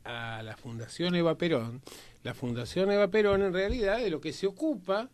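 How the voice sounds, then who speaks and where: An Argentine man speaks as a panelist on a history and politics programme, his voice high-pitched and his pace moderate. He explains history emphatically, confirming his points with short tag questions.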